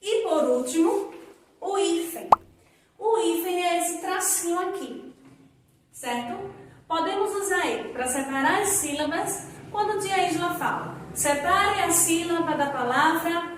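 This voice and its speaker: A woman teaching young children in a recorded lesson, drawing out example words slowly for them to repeat. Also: very high voice, a little hiss or hum. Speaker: primary school teacher. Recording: echoey room, voice from a distance.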